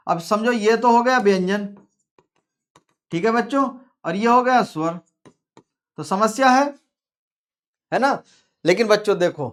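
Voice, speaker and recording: Man teaching grammar, slow and repetitive. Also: extremely high pitch, clear, resonant tone. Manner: slow and repetitive, drawing out sounds, asking pupils questions. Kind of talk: classroom grammar lesson.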